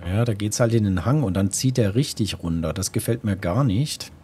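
A man's voice: on the low side, moderate pace, warm tone, slight background noise. A man giving casual gameplay commentary, musing and thinking aloud to himself as he plays. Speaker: gamer, let's play host.

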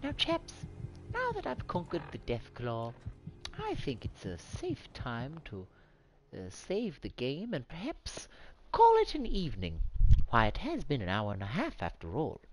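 A woman's voice: extremely low pitch, wildly swooping pitch, measured pace, slight background noise, poor audio. Genteel woman streaming a game. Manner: genteel, old-fashioned gentleman persona. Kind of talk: live gaming stream chat.

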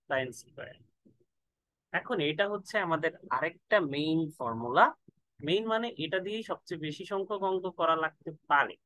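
A man's voice: on the high side, pushed and bright, no echo, low-quality recording. A man tutoring math in a casual lesson, thinking aloud and stretching words out while he works through formulas. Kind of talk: casual lesson, mixing in English.

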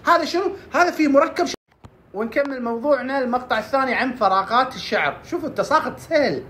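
A woman talks fast through casual health advice, firing off questions and answering them herself. Her voice sits fairly high. A faint hum runs under the recording. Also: animated, fairly bright tone. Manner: quick, asks and answers her own questions. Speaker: herbal health presenter. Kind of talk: casual health tips talk.

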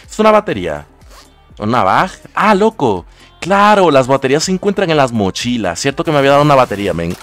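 A man's voice: medium pitch, big pitch swings, brisk, fairly bright tone, faint music behind. A young man from Ecuador with an Ecuadorian Spanish accent, casually chatting through live gameplay commentary and answering his chat in slangy talk. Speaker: gaming streamer.

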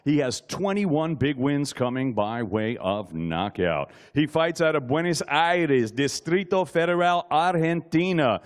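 A middle-aged man announcing formally like a lucha libre ring announcer, with emphatic showman introductions and drawn-out names, speaking into a handheld microphone on an indoor stage. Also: mid-range voice, sing-song. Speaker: ring announcer, master of ceremonies at a boxing weigh-in. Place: indoor weigh-in stage with backdrop.

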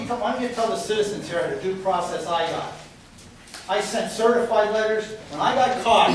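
This is a middle-aged man at a public meeting, his voice sitting high, giving the city council an angry, frustrated earful full of accusations and insults. A distant handheld camera in the audience captures the echo of the big chamber along with faint background noise.

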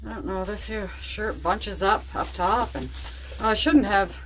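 In a noisy phone recording held at arm's length, an older woman from Nova Scotia, Canada, talks at a measured pace and medium pitch. The casual home vlog goes from a parked truck to a home kitchen as she chats, teases and laughs often.

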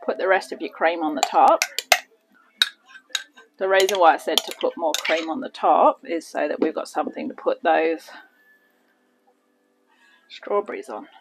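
A woman's voice: low-pitched, moderate pace, creaky, pauses often, a little hiss or hum, rough recording. A woman hosting a casual home cooking demonstration in her kitchen, chatty and self-deprecating with rambling asides. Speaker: home cooking channel host.

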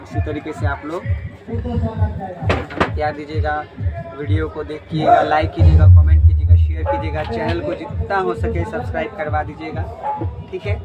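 A man's voice: a little high, flat delivery, moderate pace, phone-quality sound. A young man hosting a casual backstage vlog, repeating phrases and putting questions to people. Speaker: vlog host of a dance troupe. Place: small mud-walled hut indoors, handheld phone. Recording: loud music behind the voice.

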